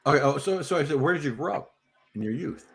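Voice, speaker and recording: A man's voice: a little high, lively intonation, quick pace, gravelly. A man on a casual live panel, prodding with questions and interrupting to ask again. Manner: probing questioner, interrupts with "hold on".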